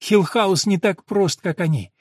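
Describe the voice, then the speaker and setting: A woman's voice: medium pitch, unhurried, a little mellow, slightly rough, dry recording, clean studio sound, pitched above the performer's own voice. A man reading an audiobook, voicing a nervous, stubborn young woman who pleads and then turns defiant and sing-song.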